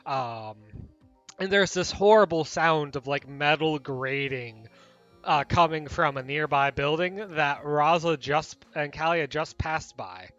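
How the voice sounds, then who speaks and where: A man with a higher, bright, lively-toned voice runs a tabletop game as game master. He narrates loosely, pausing on fillers as he sets each scene, and the audio comes through slightly dull and muffled. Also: faint music behind.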